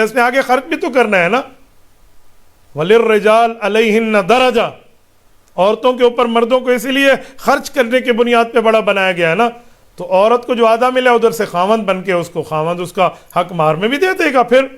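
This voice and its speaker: A man with a high-pitched voice answers religious questions as a mufti. He speaks with emphasis, asking rhetorical questions and stacking phrases one after another. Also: a bit bright.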